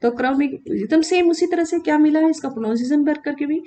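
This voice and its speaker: A woman teacher explaining letters in a classroom lesson, asking the children questions and answering them herself, drawing sounds out slowly to demonstrate them. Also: high voice, dark tone, slight background noise. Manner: slow, drawn-out demonstration of sounds; addresses children, asks and answers own questions. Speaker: Sanskrit teacher.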